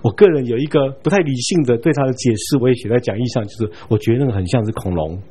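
A man giving a Bible study lecture in a relaxed, chatty way, chuckling now and then and checking in with his listeners. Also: mid-range voice, fast talker, slightly rough. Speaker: Bible teacher.

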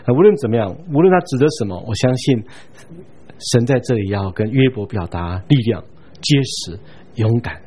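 A man giving a Bible study lecture in a relaxed, chatty way, chuckling now and then and checking in with his listeners. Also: medium pitch, normal speed. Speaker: Bible teacher.

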